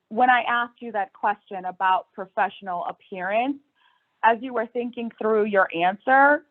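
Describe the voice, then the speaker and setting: A young woman, an employment lawyer, presenting a webinar agenda in a clear, organized way. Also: mid-range voice. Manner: clear, organized, steady delivery. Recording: tinny phone-like line.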